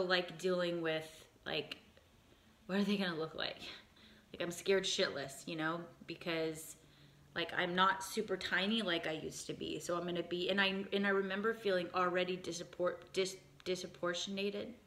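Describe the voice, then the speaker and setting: A woman's voice: lowish voice, sharp tone. A woman in her late thirties talking candidly in a casual personal vlog, rambling with lots of fillers and restarts. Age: 30s. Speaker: vlogger.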